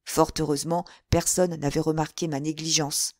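A woman narrating an audiobook in a measured, even storytelling manner. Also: low-pitched, dry recording, clean studio sound. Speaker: audiobook reader.

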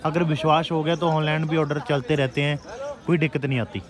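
A man hosting a farming channel at an outdoor cattle market, asking about cows and addressing farmers in a plain, steady way. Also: fairly high pitch, fairly quick, a crowd in the background. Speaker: channel host. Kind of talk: presenting cattle rates to farmers.

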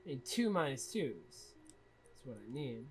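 A woman's voice: a bass voice, sing-song, unhurried, a little mellow. A woman streaming a video game, giving casual, profane commentary and reacting aloud as she plays.

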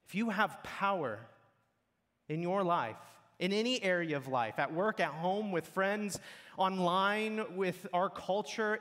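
A pastor with a high-pitched, fairly bright voice preaches a sermon earnestly and bluntly, building in intensity. A long hall reverb surrounds the recording.

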